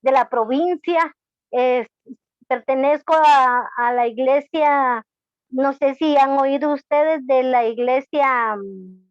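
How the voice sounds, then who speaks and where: A Guatemalan woman who serves as a church deacon gives a hesitant, filler-heavy testimony on an online call, speaking with a Guatemalan Spanish accent. Her high voice moves slowly, with no echo, and the call audio is dull and lo-fi.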